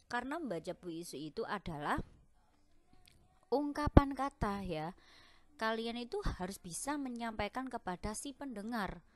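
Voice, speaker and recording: A young woman, a primary school teacher, patiently explaining a lesson to children in an online class. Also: mid-range voice.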